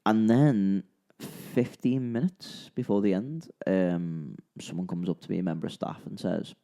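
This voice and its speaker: This podcast co-host and musician, a young man from Liverpool with a Scouse accent, has a low, dark voice with vocal fry, a steady tone and an unhurried pace. He rambles through a long story in casual conversation, often restarting and repeating himself.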